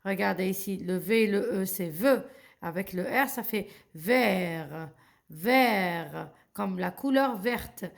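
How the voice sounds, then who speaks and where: A young woman with an Algerian accent teaching children to read, spelling words out slowly and carefully and checking in with them often. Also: mid-range voice, creaky. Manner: slow, carefully spelled-out pronunciation with friendly check-ins. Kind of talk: children's reading lesson.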